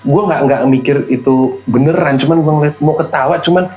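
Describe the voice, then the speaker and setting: A man's voice: a little high, a little fast, soft background music. A man, animatedly telling a true horror story in casual slang. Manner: animated, slangy, acts out voices. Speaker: guest storyteller.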